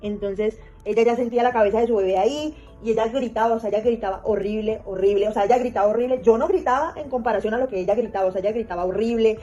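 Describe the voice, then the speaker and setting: A woman's voice: on the high side, fast talker, hardly any pauses, warm tone, muffled recording, soft background music. Rambling woman telling a story. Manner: rambling, repeats herself, many fillers. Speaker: vlogger telling a personal story. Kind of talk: casual storytelling monologue.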